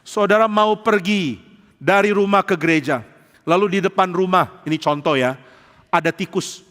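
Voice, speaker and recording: Preaching at normal speed, the man has a high-sitting, fairly bright voice. His sermon, delivered in a large church hall with long reverb, is full of comic stories in which he acts out what people said.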